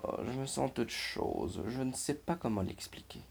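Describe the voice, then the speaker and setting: A man voicing a gloomy robot in a children's storybook, soft, sighing and listless. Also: medium pitch, moderate pace, natural voice. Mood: glum. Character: gloomy, bored robot sitting on the ground.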